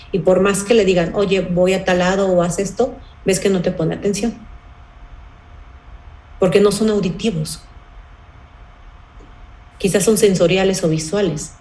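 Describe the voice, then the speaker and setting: A woman leads a parenting class, explaining ideas step by step and often pausing to check that everyone follows. Her voice sits at an ordinary middle pitch for a woman. The room around her is echoey. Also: darkish tone. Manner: explanatory, asks the audience rhetorical checks like "¿sí?" and "¿bien?". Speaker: parenting workshop facilitator. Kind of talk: parenting workshop talk.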